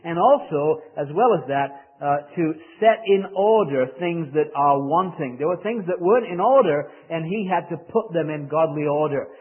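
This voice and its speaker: Male preacher, middle-aged, northern English accent. Fairly high, clean-edged but slightly husky voice avoided; measured Bible teaching over a thin, narrow-band recording. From northern England. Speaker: visiting preacher. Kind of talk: expository Bible sermon.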